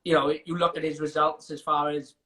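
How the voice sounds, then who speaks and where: Young Welsh fighter, guest in an interview: chatty, rambling, full of restarts, with a bright and slightly high voice. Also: male voice, flat delivery, a little fast. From Wales. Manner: chatty, frequent restarts and fillers, laughs while telling stories. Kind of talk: casual interview chat.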